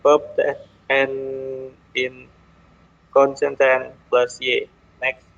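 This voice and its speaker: Slow, halting young man presenting. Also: mid-range voice, completely flat delivery, a bit bright. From Indonesia. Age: young adult. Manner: halting, repeats words, clears throat often. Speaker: student presenter. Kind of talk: class presentation on grammar. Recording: dull lo-fi recording.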